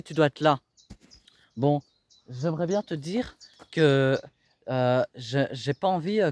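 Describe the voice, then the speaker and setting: A man's voice: high voice, a little mellow. A man working as a youth educator, firm and scolding with teenagers, raising his voice when annoyed. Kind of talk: coaching young people.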